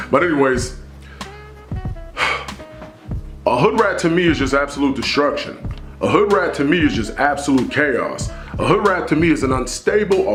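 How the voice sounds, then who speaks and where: A man's voice: fairly high pitch, a bit bright, reverberant. A man giving an emphatic, preachy opinion monologue, repeating phrases for stress. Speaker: commentary vlogger.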